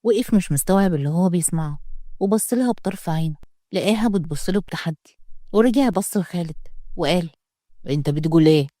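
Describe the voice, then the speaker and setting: A woman with an Egyptian accent narrating a romantic story in a brisk, steady reading. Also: lowish voice, no room sound, clean studio sound. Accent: Egyptian Arabic.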